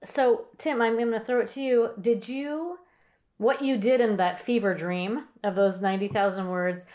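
A woman's voice: a little high, normal speed, darkish tone. A woman co-hosting a podcast, a writer herself, asking guests with a rising questioning tone. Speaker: podcast co-host. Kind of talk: casual interview chat.

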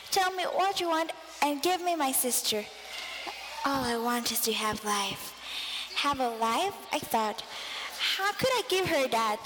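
A woman's voice: high-pitched, a bit bright. A woman narrating a dramatic first-person story as a storyteller. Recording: long reverb, faint background noise.

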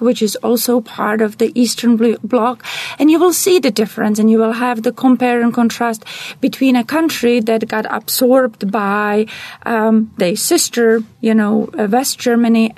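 A woman's voice: fairly high pitch, a little mellow, no echo. A middle-aged woman from the Czech Republic with a Czech accent, answering interview questions with enthusiasm in long, flowing answers. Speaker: guest, director of global programs. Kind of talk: podcast interview.

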